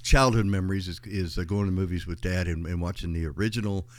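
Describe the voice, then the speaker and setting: A man's voice: deep voice, fast talker. A man, chatting casually as a guest and rambling through memories with many fillers. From West Texas. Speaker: guest, host's father. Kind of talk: casual chat.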